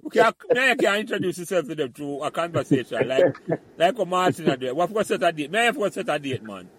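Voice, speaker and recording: A man's voice: fairly high pitch, big pitch swings, quick pace, a crowd in the background. A Jamaican man co-hosting a podcast, chatting casually in patois and laughing often.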